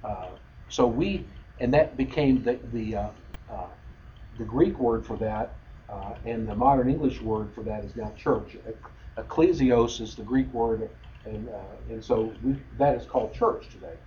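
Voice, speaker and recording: Man, bible study teacher, mellow voice, loose rambling delivery, dull lo-fi recording with faint hiss. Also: medium pitch, unhurried. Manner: rambling, frequent fillers and restarts. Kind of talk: unscripted bible history lecture.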